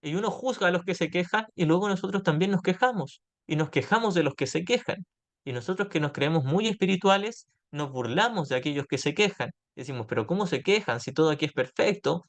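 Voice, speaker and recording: A man's voice: high-pitched, expressive, brisk. A man leading a spiritual study group, teaching earnestly and now and then acting out people's complaints. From Chile. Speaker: course study group leader.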